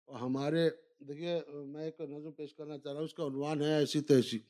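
A man with a high voice recites humorous, satirical poetry in the mushaira style. He declaims in measured phrases, repeating lines as refrains. Between verses he slips into spoken asides to his listeners. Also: flat delivery, mellow. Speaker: humorous Urdu poet performing at a poetry gathering.

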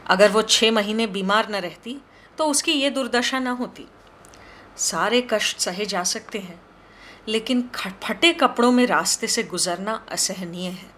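A woman narrating a short story in an expressive, measured reading. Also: mid-range voice, a little hiss or hum.

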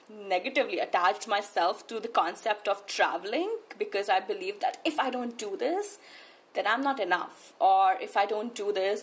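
A woman from India with an urban New Delhi accent, reflecting on her own life in an interview, earnest and emphatic, often repeating words for emphasis. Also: medium pitch. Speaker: interview guest, spiritual coach. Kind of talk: conversational interview, personal reflection.

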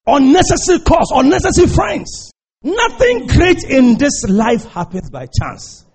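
A pastor preaching a sermon, urging and repeating himself, breaking into shouts. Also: male voice, very high-pitched, very animated, measured pace, a crowd in the background. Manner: exhortative preaching, repeating phrases, bursts of shouting.

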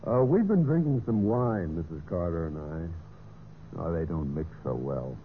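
In a 1940s-50s radio mystery, a scheming husband narrates his murder plot in the first person, his lowish voice swinging widely in pitch with lively intonation at a moderate pace. He sounds edgy, evasive and falsely friendly, stalling nervously with uhs when addressing others. The thin, tinny old broadcast carries slight background noise.

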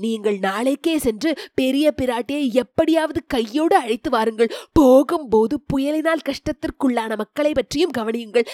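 A woman doing a weary old emperor, soft-spoken. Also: dry recording, studio quality, lightly acted. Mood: resolute. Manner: soft and measured, spoken low. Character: aging troubled male emperor, weary and gentle. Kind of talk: audiobook narration of a historical novel.

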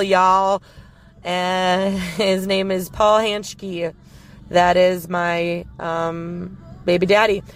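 A woman casually telling a personal story on her podcast, rambling and frank, swearing freely and filling gaps with ums and likes. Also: fairly low pitch. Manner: rambling, frank and profane, full of fillers.

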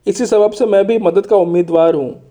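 A man's voice: high voice, moderate pace, mellow, lightly acted. A man voicing a courteous, shrewd spy in a storybook, polite and persuasive. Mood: polite, reassuring. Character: courteous, shrewd male spy, deferential strategist.

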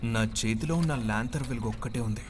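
A man's voice: medium pitch, fairly quick, noisy background. A male podcast storyteller narrating a first-person horror story and acting out its dialogue dramatically.

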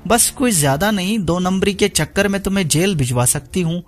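A man's voice: a little high, unhurried, faint music behind, lightly acted. A man voicing a scheming young woman villain who talks in a sneering, taunting way. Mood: smug scheming.

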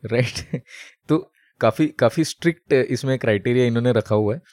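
Guy on a podcast, warm mellow voice, dry close sound, lots of umms while he explains. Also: mid-range voice, moderate pace, no room sound. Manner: explains at length with many fillers, mixing in English phrases. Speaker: podcast co-host. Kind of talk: casual chat.

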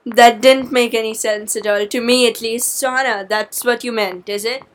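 Young woman vlogger, playful chat, slightly high voice. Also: fairly even intonation, normal speed, a little hiss or hum. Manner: chatty, playful, jokey. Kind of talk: casual family vlog.

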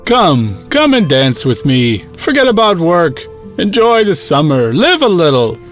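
A man's voice: fairly high pitch, wildly swooping pitch, a little slow, a bit bright, faint music behind, exaggerated voice. A man voicing a carefree, chirpy, lazy grasshopper who teases, in a children's cartoon story. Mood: mocking, merry.

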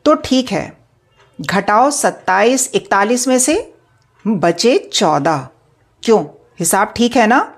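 A woman's voice: medium pitch, very animated, slow, slightly rough, full character voice. A woman voicing a petty, stern middle-aged male employer who lectures and nitpicks over money, in a told story. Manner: lecturing, nitpicking, rhetorical questions. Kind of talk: storytelling with acted dialogue.

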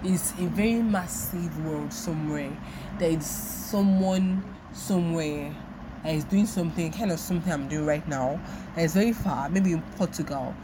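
In a casual solo episode, a young Nigerian podcast host with a Nigerian accent muses at length and keeps repeating herself. She speaks at normal speed in a low voice, with background noise present.

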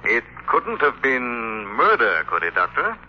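The Shadow, looming and cold. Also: male voice, huge pitch swings, a little hiss or hum. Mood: menacing. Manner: slow, looming, drops low on key words. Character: invisible menacing male avenger, commanding and cold. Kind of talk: 1930s radio drama acting. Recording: muffled old radio broadcast.

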